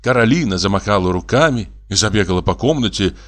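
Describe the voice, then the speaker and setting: Expressive male audiobook narrator. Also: fairly low pitch, fast talker. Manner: expressive storytelling. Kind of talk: audiobook reading.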